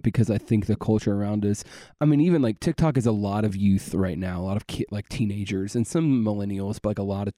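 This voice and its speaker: Low-voiced earnest man rambling. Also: fast talker, mellow, dry recording, clean studio sound. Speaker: podcast co-host. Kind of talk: casual faith podcast chat.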